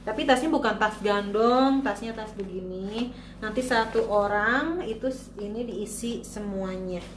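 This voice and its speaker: A woman's voice: mid-range voice, a little slow, echoey room, a little hiss or hum. A woman from Indonesia chatting casually in a vlog, showing things she bought to the camera. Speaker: vlogger.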